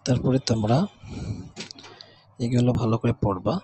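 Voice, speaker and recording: A man's voice: medium pitch, fairly even intonation, moderate pace, mellow, slight background noise. A man teaching an exam revision lesson. He reads out words twice and keeps asking "okay?" with a rise. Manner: repeats each word twice as he reads.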